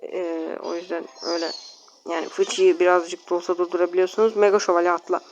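A woman's voice: fairly low pitch, flat delivery, fast talker, muffled recording, background noise. Exasperated woman commenting on her gameplay. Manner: talks to viewers and opponents, grumbling and exasperated; self-mocking, jokey asides. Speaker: mobile game player commenting on her matches.

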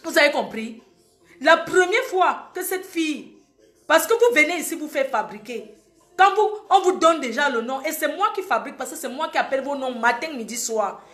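A young Cameroonian woman hosts a social media live stream, delivering a heated monologue in which she scolds viewers and emphatically repeats her warnings. Her voice sits high and fairly bright, with lively intonation and a moderate pace. The room echoes, and faint music plays behind her.

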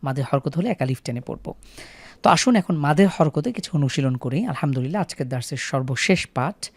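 A man's voice: fairly high pitch, animated, fairly quick, dry recording. A man with a Bangladeshi Bengali accent teaching a Quran recitation class, patiently repeating questions and drilling syllables.

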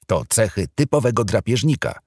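A man's voice: fairly low pitch, sing-song, normal speed, darkish tone, husky, no echo, studio quality, pitched above the performer's own voice, exaggerated voice. A man voicing a serious, declamatory male documentary announcer on television, in an audiobook. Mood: grave.

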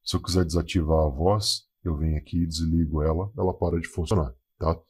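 A Brazilian man giving a casual software tutorial through a voice changer that thickens his voice. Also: fairly even intonation, fairly quick, slightly rough. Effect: deep male voice-changer filter.

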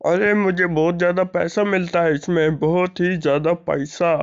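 A man's voice: high-pitched, fairly even intonation, normal speed, dull audio. A man voicing a greedy, corrupt young police officer who whines and pleads with his father. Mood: scheming. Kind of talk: gameplay story voice-acting.

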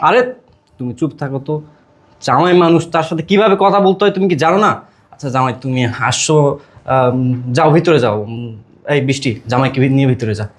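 Performer as placating middle-aged husband, mild, fast. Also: mid-range voice, lightly acted.

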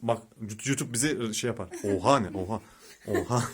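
A man's voice: lowish voice, moderate pace, a crowd in the background. A man hosting a family quiz challenge in casual chat, playful and teasing, often breaking into laughter. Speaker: channel host running a family quiz challenge. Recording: home video with loud background noise.

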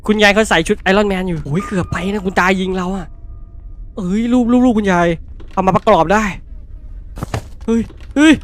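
A man's voice: high-pitched, a bit bright. A man playing a horror game on his channel, talking to viewers and letting out startled yelps and laughs. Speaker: gaming YouTuber. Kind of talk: excitable horror game commentary.

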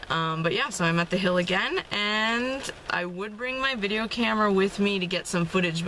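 A young fitness vlogger in her twenties chats casually to the camera from a parked car while rain falls outside, upbeat and rambling with lots of ums and little laughs. Her lowish voice has a sharp tone, and the camera is held at arm's length, with a little hiss or hum and poor audio.

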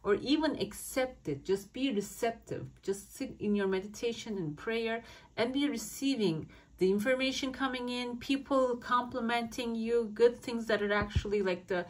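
A woman's voice: on the high side, moderate pace. A woman speaking as a fortune teller, giving a coffee cup reading to viewers in searching, interpretive phrasing. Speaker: fortune teller, channel host.

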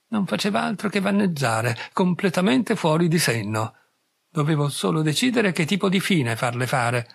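A man narrating a literary short story in the first person in a measured reading voice. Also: on the high side, vocal fry, slightly rough. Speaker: audiobook reader.

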